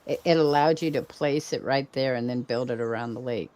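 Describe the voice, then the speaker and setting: A woman's voice: a bass voice, a little fast, a little mellow. An older woman streaming a video game, chatting casually and rambling, often trailing off mid-sentence. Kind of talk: casual gameplay chat.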